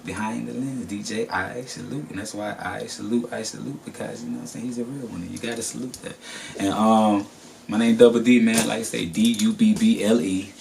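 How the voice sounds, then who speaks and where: Laid-back deep-voiced man, far from mic. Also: fairly even intonation, a little fast, creaky, darkish tone, a little hiss or hum. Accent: Southern US. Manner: laid-back, repeats filler phrases. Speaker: rapper. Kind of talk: casual interview talk.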